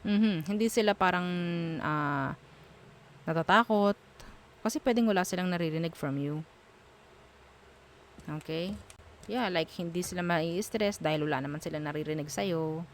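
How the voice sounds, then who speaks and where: A woman's voice: on the low side, normal speed, pauses often, slight background noise. A woman doing a casual tarot reading, frank and musing as she thinks aloud between the cards. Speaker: tarot reader.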